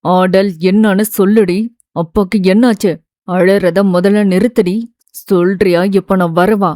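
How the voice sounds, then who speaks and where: A woman voicing an impulsive young man, blunt and rough-spoken, in a dry, close audiobook recording. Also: medium pitch, fairly even intonation, measured pace, warm tone, dry recording, voice pushed down, lightly acted. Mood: panicked.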